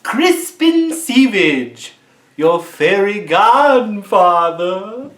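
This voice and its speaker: A man putting on an over-excited, cartoonish host character with exaggerated intonation and stretched-out words. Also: extremely high pitch, drawn-out words, pitched above the performer's own voice, heavily acted. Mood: gleeful, showy. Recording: roomy echo.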